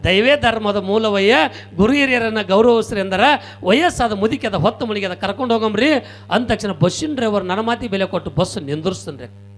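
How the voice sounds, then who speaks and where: A male stage comedian from Kalaburagi with a North Karnataka Kannada accent, telling lively, punchy stories straight to the audience. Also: high voice, fairly quick. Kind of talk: live comic storytelling. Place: stage at a religious gathering.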